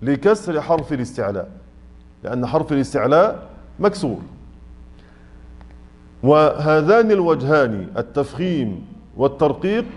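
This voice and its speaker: Egyptian male teacher, fairly high voice, patient, explains step by step and quizzes the class. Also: sing-song, a little mellow. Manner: mixes classical and colloquial Arabic, asks the class check questions; slowly spells out example words. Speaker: Quran recitation teacher. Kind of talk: tajweed lesson explaining a poem. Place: mosque study circle.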